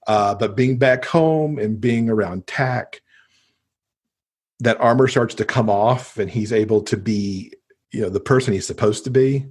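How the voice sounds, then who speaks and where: Slightly rough and darkish, this American man's voice sits on the low side. He's a book-loving guest on a podcast, recommending titles in a casual, enthusiastic interview chat.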